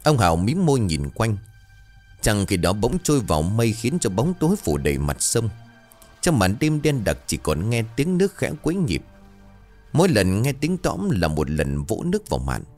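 Brief: male storyteller for a spooky tale, deep voice swinging widely, soft music underneath. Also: wildly swooping pitch, normal speed. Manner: suspenseful, dramatic. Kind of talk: scripted horror story narration.

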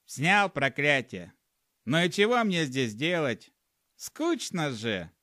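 A man's voice: fairly high pitch, sing-song, slow pace, pushed and bright, no echo, clean studio sound, heavily acted. A man voicing a foul-mouthed, hot-tempered male gnome who grumbles and swears constantly in an audiobook. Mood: indignant. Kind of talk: audiobook character voice.

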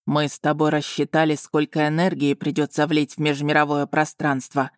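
A woman voicing an overjoyed, overwrought male dragon in an audiobook, speaking a little lower and with earnest warmth. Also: completely flat delivery, normal speed, no room sound, studio quality, natural voice. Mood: calm, pleased.

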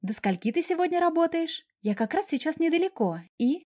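A woman's voice: extremely high pitch, big pitch swings, a little fast, a little mellow, pitched above the performer's own voice. A woman voicing a bubbly, nosy young female friend who talks in a chirpy, gossipy way. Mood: eager.

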